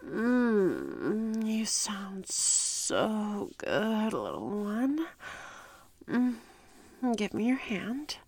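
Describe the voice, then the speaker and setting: A woman voicing a predatory, inhuman female seductress who speaks in slow, teasing whispers broken by mocking laughs, in an audio roleplay. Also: mid-range voice, huge pitch swings, vocal fry, darkish tone, dry recording, heavily acted. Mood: dominant, whispering.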